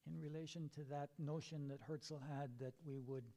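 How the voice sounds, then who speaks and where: Guy hosting a panel, slightly high voice, echoey sanctuary, easygoing. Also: little pitch movement, normal speed, gravelly, mellow. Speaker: moderator. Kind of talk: panel moderation. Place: synagogue sanctuary. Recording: long hall reverb.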